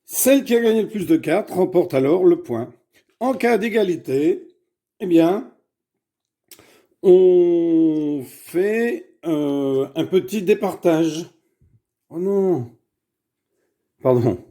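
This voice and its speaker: A man's voice: sits high, animated, slow, warm tone. A man casually explaining board game rules, hesitant and full of fillers as he sorts cards at a table. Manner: hesitant, many fillers, thinks aloud while sorting cards. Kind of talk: casual how-to demonstration.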